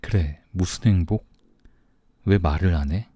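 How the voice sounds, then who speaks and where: A man's voice: deep voice, unhurried, slightly rough, no echo, clean studio sound. A man voicing an affectionate, teasing young male friend in an audiobook. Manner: playful, warm-hearted.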